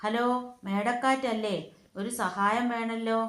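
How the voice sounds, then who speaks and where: A woman voicing a kindly, bearded moon uncle who speaks with affection and gentle teasing. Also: fairly high pitch, fairly even intonation, unhurried, echoey room. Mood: fond.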